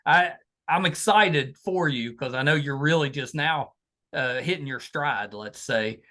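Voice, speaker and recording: A man's voice: a little high, unhurried, bright, forceful tone. A man with an Appalachian West Virginia accent, hosting a podcast in a casual, folksy, conversational way. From West Virginia, USA. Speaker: podcast host.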